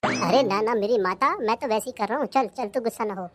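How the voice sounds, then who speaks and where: Brief: cartoon village husband, scolding and stingy, fairly high voice, a woman doing it. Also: a little fast, heavy background noise, natural voice. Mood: teasing grumbling. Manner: scolding, mock-dramatic. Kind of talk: cartoon comedy voice acting.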